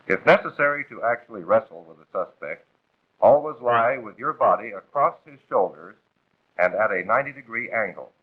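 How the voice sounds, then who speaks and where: An American man with a lowish, rough-edged voice delivers scripted 1940s training narration, formal and authoritative, guiding the viewer step by step. He is expressive and brisk, heard on a thin, band-limited vintage film soundtrack with phone-quality sound.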